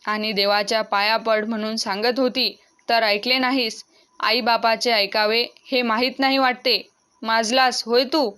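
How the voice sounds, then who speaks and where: A woman's voice: a little high, level tone, unhurried, fairly bright tone, clear, resonant tone. A woman voicing a strict village father who scolds his son, in a storybook reading. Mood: angry.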